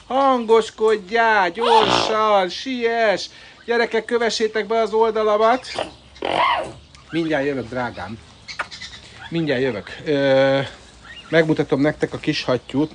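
Man livestreaming from a bird park. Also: mid-range voice. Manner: coaxing, pet-talk to his bird while reading out viewer comments. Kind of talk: casual live stream chat. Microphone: phone live stream. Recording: outdoor noise with bird calls. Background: birds and fowl calling.

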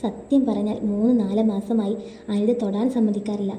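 A woman reading a first-person story as narrator in a steady, even storytelling manner, recorded in a roomy space with long reverb. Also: medium pitch, moderate pace.

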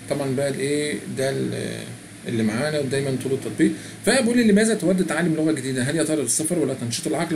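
A middle-aged man with an Egyptian Arabic accent chats his way through a screen-recorded walkthrough of a language app, reading its prompts aloud as a tutorial presenter. His voice is fairly high and a little mellow, with slight background noise.

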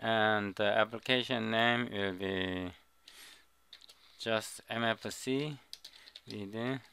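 A middle-aged programming tutor from South Korea, whose first language is Korean, walks through code on a screen recording, often repeating and restarting phrases. His lowish voice is gravelly, bright, and forceful, steady in tone and very slow, with a little hiss or hum in the audio.

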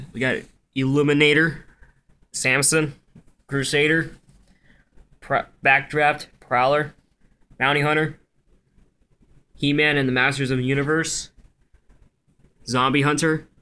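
A young man speaking quietly at night so as not to wake anyone, casually going through a collection item by item. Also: on the high side, clear, resonant tone. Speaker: toy collector showing his collection. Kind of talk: casual collection walkthrough, listing items. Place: carpeted room at home. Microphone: handheld camera, held by the speaker.

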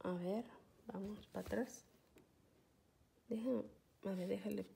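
A woman's voice: medium pitch, fairly even intonation, a little slow, creaky, dark tone, a little hiss or hum. A woman vlogger giving a casual, chatty tutorial from her home, checking in with her viewers often as she films with a phone camera. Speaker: couponing vlogger. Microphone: phone camera filming a phone screen, off screen.

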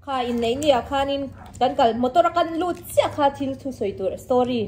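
A woman's voice: high-pitched, fairly quick, a little mellow. A young woman vlogging casually about her wedding, chatty and rambling, often laughing as she talks. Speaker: vlogger, half of a married couple. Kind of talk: casual chat.

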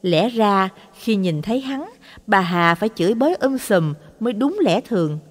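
A woman storyteller reading a horror story in a dramatic, expressive way. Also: mid-range voice, moderate pace. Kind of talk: scripted horror story narration. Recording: long hall reverb.

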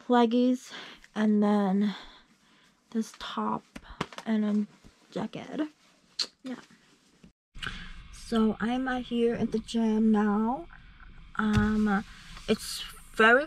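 A young adult vlogger with a slightly high voice rambles through a casual chat, dropping lots of fillers. She films on a phone at arm's length in a small bedroom and a parked car, and the audio has a little hiss or hum.

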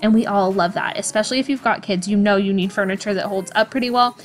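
A woman's voice: mid-range voice, fast. A young woman narrating her home-cleaning vlog in a voice-over, in an upbeat, chatty way. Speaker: cleaning vlogger. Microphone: voice-over, recorded separately. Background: faint background music.

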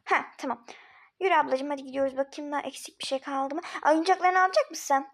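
A high-voiced woman acts as a bossy older sister in a homemade mini-series, flustered and rushing to school while she mutters to herself and says words over again.

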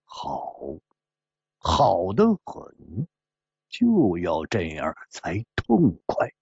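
A man's voice: huge pitch swings, drawn-out words, vocal fry, darkish tone, husky, no room sound, muffled recording, full character voice. A man doing a sly muttering gambler. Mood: sly, grudging. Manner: low, muttering, hesitant. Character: sly, grudging male gambler with a small mustache.

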